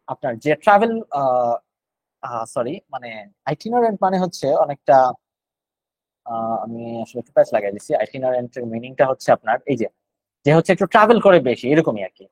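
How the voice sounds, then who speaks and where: A man's voice: fairly high pitch, no room sound, poor audio. A man with a Bangladeshi accent teaching GRE vocabulary online, explaining words one at a time and thinking aloud.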